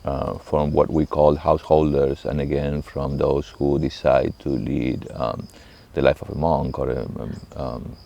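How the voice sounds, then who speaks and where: A middle-aged monk, the abbot of a monastery, speaks to camera in an extremely deep, gravelly voice with an Argentine Spanish accent. His delivery is flat and mellow, with the highs cut off. He reflects slowly and haltingly, often pausing to search for the next word.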